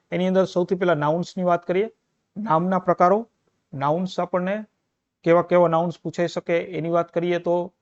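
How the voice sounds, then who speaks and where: A man's voice: a little high, a little mellow. Man teaching grammar in repeated steps. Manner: explains in repeated steps, often checks with the listener. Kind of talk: exam-prep lecture. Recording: dull, muffled recording.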